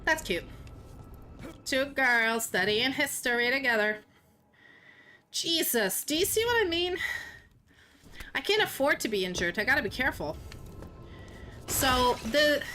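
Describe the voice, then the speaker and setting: Breathless, slow-talking woman streamer. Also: sits high, sharp tone, slight background noise. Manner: casual, laughing, swears a lot. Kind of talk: casual chat while exercising on stream.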